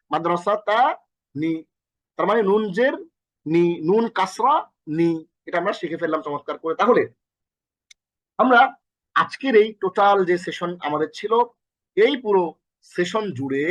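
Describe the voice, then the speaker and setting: A man's voice: high voice, dry recording. A man teaching a recorded Arabic lesson with energy, often repeating himself and quizzing the listener, with a Bangladeshi accent.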